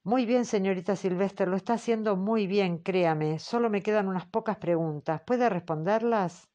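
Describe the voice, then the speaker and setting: A woman reading the part of a formal man questioning a witness, slow and patient. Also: mid-range voice, dark tone, lo-fi sound, natural voice. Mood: probing. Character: measured male examiner, formal and patient. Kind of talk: audiobook character reading.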